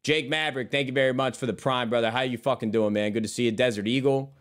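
A man in his thirties streaming and chatting off the cuff to his viewers. He wanders between topics in a loose, rambling way, with plenty of swearing. His voice sits at an everyday middle pitch. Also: steady tone, fast talker. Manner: rambling, profane, calls listeners brother. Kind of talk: casual chat.

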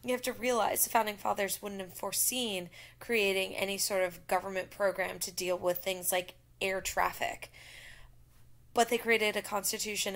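A woman teaches a history lesson, narrating over slides and speaking directly to her students. Her voice sits at a middle pitch with a gravelly, fry-edged texture, and her delivery is steady and explanatory.

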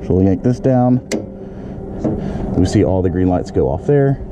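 Speaking at a measured pace, this middle-aged man has a low voice with lively intonation. He gives a rambling, informal how-to walkthrough into a handheld camera, first outside next to a camper and then inside it. The audio is muffled and carries clear background noise.

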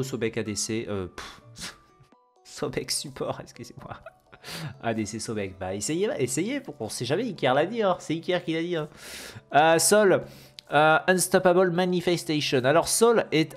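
A man hosts a gaming video and talks loosely through patch notes at a middling pitch. He stumbles through fillers and restarts, and he reads the English terms with a heavy French accent. Soft music plays faintly under his voice. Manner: hesitant, many fillers and self-corrections. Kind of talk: casual commentary on game patch notes.

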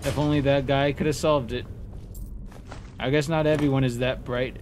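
He speaks at a moderate pace in a medium-pitched, darkish voice with fairly level intonation. As he plays, he offers casual let's play commentary, taunting enemies and exclaiming, while game ambience clearly fills the background.

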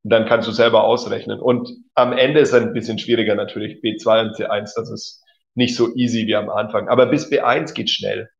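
Speaking a little fast in a lowish, gravelly voice with fairly even intonation, a man runs a German lesson on a live stream, reading his chat aloud. He's encouraging and praises viewers often, peppering in "genau" and "cool." The audio sounds dull and lo-fi.

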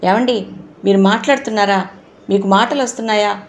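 A woman voicing a weary, hard-pressed young mother with a quick temper, read plainly in a storytelling voice. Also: medium pitch, steady tone, lightly acted. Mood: overjoyed.

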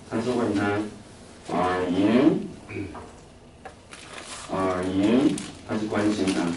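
A man from Taiwan teaching English vocabulary to a class, chatty, full of filler sounds and questions to the students. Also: low voice. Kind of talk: classroom lecture with anecdotes. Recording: echoey classroom from a distant mic, noisy.

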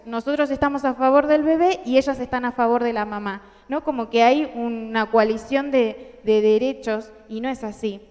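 This conference speaker is a young woman with an Argentine Spanish accent whose voice sits a little high with a darkish tone. Addressing a big audience in a large indoor hall, she talks earnestly with frequent fillers and restarts, and hall reverb colors the sound.

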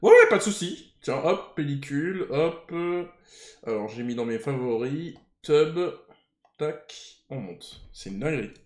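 A young man with a high, very animated voice. He talks in mocking street slang as he reacts to a video, unhurried, in a roomy space. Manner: slangy banlieue French street talk, mocking. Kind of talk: casual live reaction commentary. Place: indoor room at home, on webcam.

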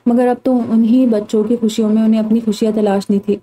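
A woman narrating a romance novel in steady, scripted reading. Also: on the high side, quick pace, a little hiss or hum, rough recording. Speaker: audiobook narrator.

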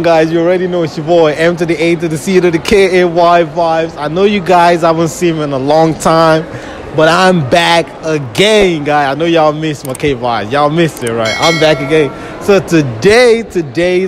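A young Nigerian man interviewing strangers in a busy shopping mall with a handheld mic, talking in a lively, laughing way and repeating himself. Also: fairly high pitch, normal speed. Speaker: street interviewer and host. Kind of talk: street interview. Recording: noisy mall ambience.

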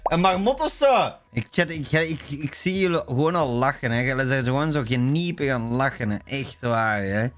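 A young man streaming live, talking excitably to his chat and shouting now and then. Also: medium pitch, moderate pace, few pauses.

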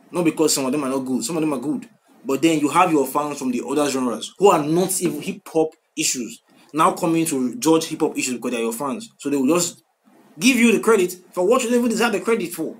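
A man hosting a music reaction video, talking in an excitable, casual way and repeating phrases and "bro" a lot. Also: medium pitch. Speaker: music reaction channel host.

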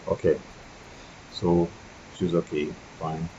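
Husky, very deep-voiced man with gravel. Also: slow. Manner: relaxed, many ums and restarts. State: tired late at night. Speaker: photo editing tutor. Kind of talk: screen-recorded software tutorial. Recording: dull lo-fi mic with faint noise.

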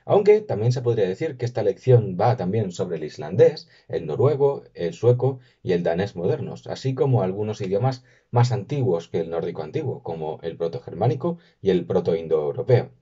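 A man giving a video language lesson, explaining and slowly repeating words for pronunciation. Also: fairly low pitch, very animated, dark tone, husky, muffled recording. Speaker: language teacher.

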